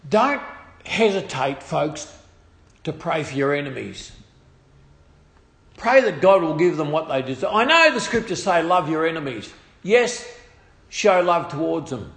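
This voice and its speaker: An Australian man telling a personal testimony story in a halting way, with restarts and trailing phrases. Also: a little high, sing-song, creaky, a bit bright, echoey room.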